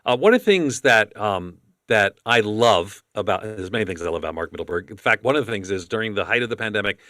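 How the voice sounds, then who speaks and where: A chatty male podcast host with a bright, forceful tone who rambles through restarts as he moves from thought to thought. The sound is dry and close, with no room behind it. His voice sits a bit low. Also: animated, fast, no room sound. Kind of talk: casual chat.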